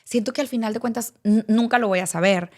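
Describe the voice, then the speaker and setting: A woman's voice: a little high, brisk, a little mellow. A woman in her late thirties with a Mexican Spanish accent, giving a candid personal testimony as a podcast guest and speaking straight to the listener with casual swearing. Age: late 30s.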